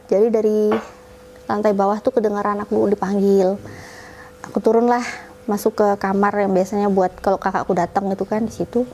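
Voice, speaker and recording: A woman's voice: medium pitch, mellow, a little hiss or hum. A woman guest in an interview, telling a personal story casually and acting out her family's lines as she goes.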